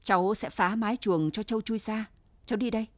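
A woman's voice: mid-range voice, fairly even intonation, fairly quick, no echo, lightly acted. A woman voicing a brave young male prisoner who speaks firmly and reassuringly. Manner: firm, reassuring.

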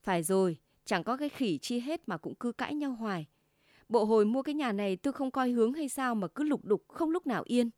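Woman putting on a cranky husband, middle aged, lectures everyone, grumbles, kinda high. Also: expressive, normal speed, a little mellow, no room sound, clean studio sound, lightly acted. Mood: grumbling.

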